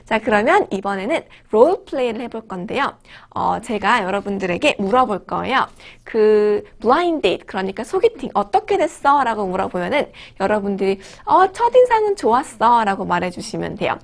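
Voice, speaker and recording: A woman teaching English phrases to learners in an upbeat, encouraging way, reading example sentences slowly and clearly. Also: medium pitch, lively intonation. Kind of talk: online language lesson.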